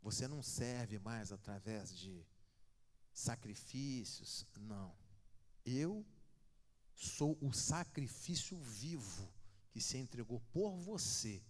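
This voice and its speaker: A man from Brazil preaching a sermon in a church, telling stories with lively swings between loud and hushed. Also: medium pitch, slow. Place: church sanctuary. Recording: long church reverb.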